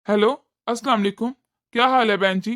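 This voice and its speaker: A man's voice: high-pitched, fairly even intonation, fairly quick, fairly bright tone. A voice actor as a worried, placating father. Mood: polite. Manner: pleading, appeasing. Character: worried, polite middle-aged father of the bride.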